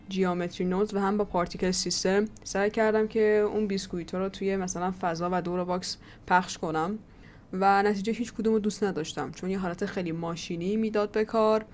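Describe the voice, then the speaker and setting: A woman's voice: mid-range voice, darkish tone, a little hiss or hum. Woman host, casual work-along commentary, muttering, thinking aloud. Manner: muttering to herself, trying things out. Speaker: 3D artist and channel host.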